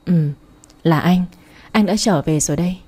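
A woman voicing a gentle young man in a romance story, speaking softly to his lover. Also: fairly low pitch, moderate pace, breathy edge. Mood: tender.

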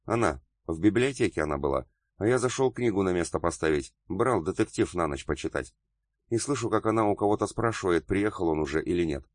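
Audiobook: male reader as a wry, thoughtful man, deep voice, dry. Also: lively intonation, a little fast, no room sound. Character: curious thoughtful man, an amateur sleuth.

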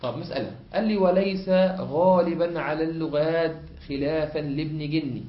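A man with an Egyptian accent, teaching a lesson as a sheikh, often pausing to have students fill in the word and repeating points. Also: a little high. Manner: asks the class to fill in words, repeats points. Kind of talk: classroom lesson. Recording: echoey hall, muffled lo-fi.

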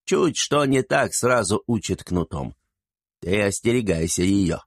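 Old man muttering slowly as a male reader does him, low and dry. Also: animated, husky, no echo, exaggerated voice. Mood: wry. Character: wry old man talking to a dog.

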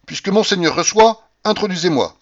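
A man's voice: a little high, very animated, fairly quick, fairly bright tone, voice pushed up. A man voicing a rude, hot-tempered young gambler with provocative haughtiness. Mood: defiant. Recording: dull lo-fi recording.

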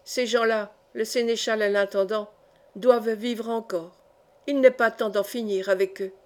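A woman reading aloud, voicing a tall masked man who speaks calmly and coldly, with bitter mockery. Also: a little high, moderate pace, lightly acted. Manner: calm, cold, even. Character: calm masked male stranger, tall, cool and bitterly mocking.

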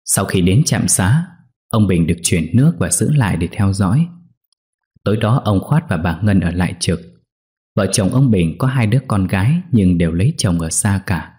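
A man narrating a ghost story in an expressive storytelling way. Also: low voice, normal speed, slightly rough.

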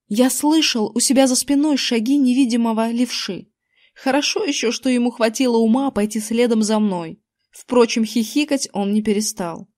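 A woman narrating a children's book aloud in the first person, expressive and lively. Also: a little high. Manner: expressive, acting out a boy's first-person story. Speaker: audiobook narrator. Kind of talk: scripted narration.

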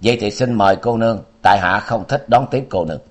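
A man's voice: lowish voice, fast, pitched above the performer's own voice, lightly acted. A man voicing a defiant young swordsman. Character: proud young male martial artist, defiant.

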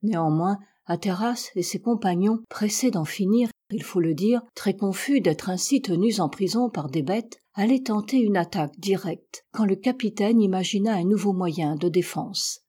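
A woman reading a classic adventure novel aloud in a steady, measured narration. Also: mid-range voice, slightly rough. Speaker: audiobook reader.

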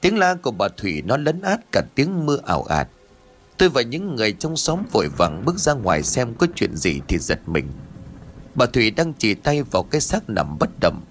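A male storyteller reads a ghost tale in a formal, dramatic manner. His voice sits at a middle pitch but moves through a wide, lively range. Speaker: audiobook narrator.

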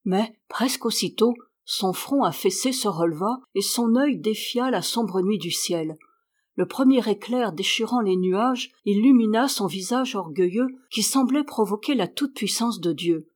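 A woman narrating a classic novel as an audiobook reader, lifting her voice higher and louder for the characters' lines. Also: animated, measured pace, husky. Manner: voices characters by rising in pitch and volume.

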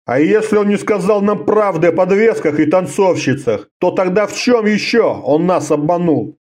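A grizzled old one-eyed fighter, as a male narrator puts him on, drunk and slurring his words. He blusters and bellows with a lively, rising voice. The whole thing sounds like a read-aloud storybook. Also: high voice, moderate pace, pitched above the performer's own voice. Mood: grumbling. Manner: blustering, loud.

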